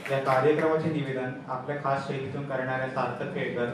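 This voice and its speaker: A man's voice: mid-range voice, steady tone, fast talker. A young man, the event secretary, giving a formal vote of thanks and listing each person in turn. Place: large echoey hall on stage. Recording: echoey hall from far off, clear noise.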